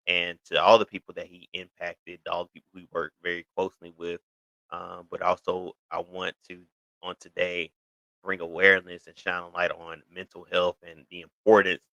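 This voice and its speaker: A man's voice: sits low, gravelly, bright, forceful tone, no echo, rough recording. A man of thirty hosting his own show, talking casually to camera and rambling with lots of "you know" fillers and restarts. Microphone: video recording for an online channel.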